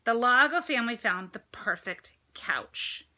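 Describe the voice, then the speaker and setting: This teacher, a middle-aged American woman, has a fairly high, bright, forceful voice with lively intonation and a measured pace. She reads a picture book aloud to children expressively, adding chatty asides and questions. The recording comes from a phone or tablet at arm's length in a home room with a dresser and ceiling fan.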